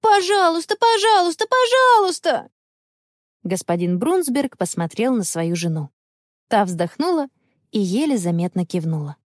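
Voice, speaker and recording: A woman narrating a children's audiobook in a clear, expressive reading style. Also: on the low side, normal speed, no echo, studio quality. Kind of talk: scripted storybook narration.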